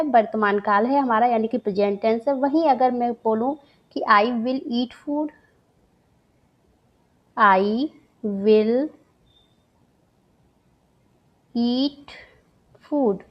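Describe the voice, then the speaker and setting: A woman's voice: a little high, lo-fi sound. A woman teaching grammar for an exam, patient and repeating each point while mixing English terms into her explanations. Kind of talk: exam-prep grammar lesson.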